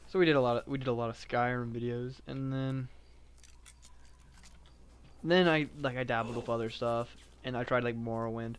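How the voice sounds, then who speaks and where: A man live-streaming a game, chatting casually in a self-described monotone with lots of filler words. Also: medium pitch, normal speed, long pauses, clear, resonant tone. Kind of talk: casual live-stream chat while playing.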